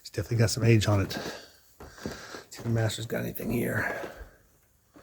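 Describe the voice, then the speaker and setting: A man's voice: mid-range voice, flat delivery, fairly quick, gravelly, darkish tone, slight background noise. A man casually narrating a walking tour of a building, chatty and thinking aloud with restarts, a bit out of breath. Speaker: vlogger touring a building. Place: indoor hallways and large rooms.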